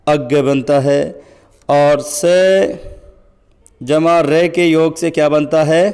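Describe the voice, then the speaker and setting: A male grammar teacher running an exam-prep quiz lesson, urging viewers to answer fast and often checking whether it is clear. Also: on the high side, darkish tone, long reverb tail.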